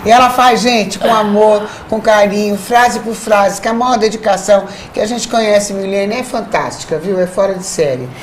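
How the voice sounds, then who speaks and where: A woman's voice: medium pitch, normal speed, hardly any pauses. A woman hosts a TV talk show in a medium voice, effusive and playful as she chats with her guest. There is a faint hiss of background noise behind her. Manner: effusive, warm praise, playful teasing. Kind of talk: casual TV chat.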